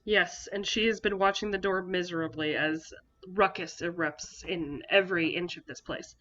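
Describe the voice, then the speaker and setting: A woman running a tabletop role-playing game, narrating scenes and calmly guiding the players through the rules. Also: fairly low pitch, moderate pace, muffled recording. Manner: calm, guiding, descriptive narration. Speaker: game master.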